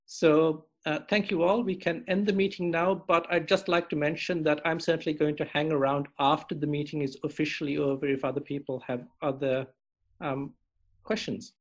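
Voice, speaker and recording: A man speaking over a video call, a little high for a man, with a gravelly and husky texture. He thanks his team in a halting, self-deprecating way, full of fillers and small restarts. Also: flat delivery. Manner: hesitant, self-deprecating, many ums. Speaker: meeting host. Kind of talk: online meeting, casual thanks.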